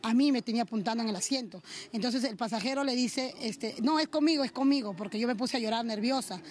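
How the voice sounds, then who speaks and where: A woman giving a halting eyewitness account on the street, restarting and repeating her words. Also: a little high. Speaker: eyewitness interviewee. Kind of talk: spontaneous street testimony.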